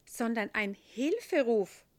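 A woman voicing an eager little boy angel in a children's Christmas story, bright and chirpy. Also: on the high side, sing-song, slow.

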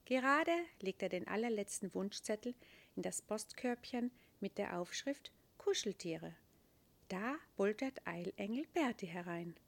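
A woman reading a children's Christmas story aloud, gentle and expressive. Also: medium pitch, unhurried, vocal fry.

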